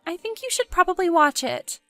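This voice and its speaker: A woman voicing an excitable, pushy young woman friend in an animated story, exclaiming and goading. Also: very high voice, fairly quick, dry recording, faint music behind, voice pushed up. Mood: worried.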